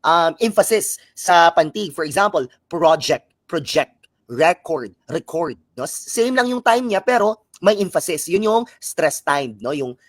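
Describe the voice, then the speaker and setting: A speaker from the Philippines with a Filipino accent gives a live-streamed exam review lecture, mixing Filipino and English, often tagging sentences with a questioning "no?" and explaining terms through examples. The medium-pitched, expressive voice goes a little slow with hardly any pauses, and there's no room sound.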